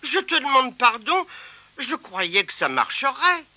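A man voicing a tiny shivering female magic spider in a children's storybook, stammering and squeaky. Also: big pitch swings, measured pace, sharp tone, no echo, heavily acted. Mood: sorry.

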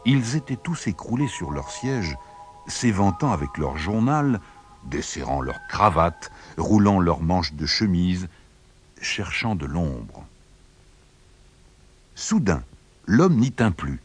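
Deep, theatrical male storyteller. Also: very animated, slow pace, pauses often, breathy edge. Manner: theatrical, acts out each character. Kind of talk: expressive storybook narration. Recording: background music under the voice.

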